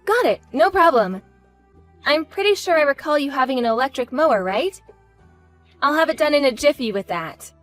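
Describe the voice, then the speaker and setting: A woman's voice: high-pitched, lively intonation, normal speed, fairly bright tone, soft background music. A woman playing a meek, polite daughter-in-law in a scripted audio drama, apologetic and eager to please. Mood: eager to help. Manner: apologetic, placating.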